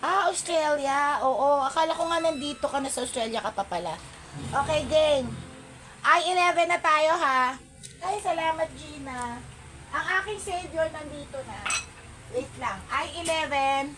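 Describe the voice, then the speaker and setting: Woman doing a live selling stream, high voice, slow unhurried talk, greets viewers n reads off prices. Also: fairly bright tone. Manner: chatty, greets viewers by name, calls out item codes and prices; mixes English into her talk. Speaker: online live seller.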